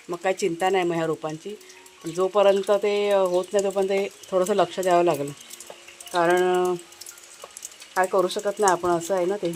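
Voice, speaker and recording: A woman from Maharashtra in casual vlog narration, chatty and explanatory as she speaks to viewers from an outdoor garden, now and then calling loudly to her dogs. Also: mid-range voice, a little hiss or hum. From Maharashtra, India. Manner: calls out loudly to her dogs between remarks. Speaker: family vlogger.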